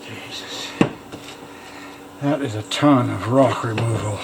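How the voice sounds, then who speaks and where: A man's voice: on the high side, measured pace. A man giving a casual hands-on demonstration, thinking aloud informally as he works, with machine noise behind him. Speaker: fossil preparer showing own work. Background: machine hum.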